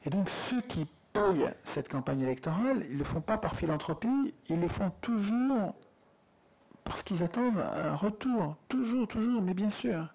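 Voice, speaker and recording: A man speaking at a public conference debate into a handheld mic in a lecture hall, animated and insistent. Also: sits high, moderate pace, creaky, slight background noise.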